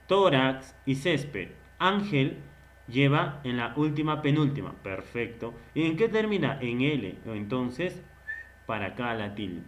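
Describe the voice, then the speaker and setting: A man's voice: medium pitch, fairly bright tone. A man teaching a grammar lesson. He asks questions and then answers them himself. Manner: slow, stretched-out explaining.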